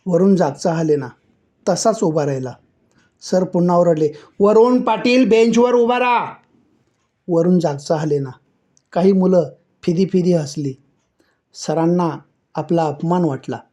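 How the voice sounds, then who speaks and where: A man narrates a short story aloud, pacing it in a measured, expressive way. His voice sits high for a man but has a dark, mellow color. The delivery is that of a practiced storyteller.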